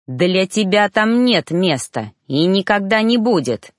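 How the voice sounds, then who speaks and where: A woman voicing a proud male reaper who gives curt, harsh orders in a lowered voice. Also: big pitch swings, a little slow, no echo, clean studio sound. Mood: cold harsh.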